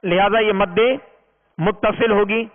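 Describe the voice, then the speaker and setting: A man gives a measured recitation lesson, explaining each rule patiently and stretching the long vowels. The sound is thin and phone-like, with a long reverb tail trailing his words. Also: high voice, steady tone. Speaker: Quran reading teacher. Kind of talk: recorded tajweed lesson. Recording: tinny, reverberant lo-fi recording.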